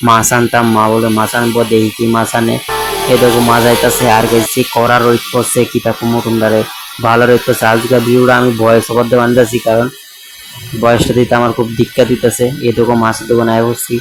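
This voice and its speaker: Hoarse man, voice-over vlog. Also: mid-range voice, monotone, fast, music in the background, low-quality recording. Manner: chatty, keeps addressing viewers as guys. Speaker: vlogger. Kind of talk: casual voice-over vlog narration.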